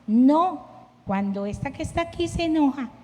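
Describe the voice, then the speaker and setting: High-voiced woman preaching. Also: lively intonation, moderate pace, warm tone. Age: middle-aged. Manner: earnest, personal and emotive, with self-deprecating anecdotes. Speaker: church leader preaching with her husband. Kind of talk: sermon. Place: church sanctuary. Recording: long reverb of a church hall.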